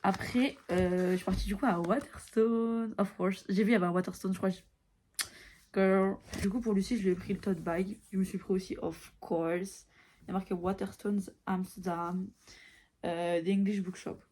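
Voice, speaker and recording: A woman's voice: mid-range voice, fairly even intonation, moderate pace, warm tone, a little hiss or hum. A woman in her early twenties chatting casually to camera, tired and mixing English phrases into her talk. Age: early 20s. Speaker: vlogger.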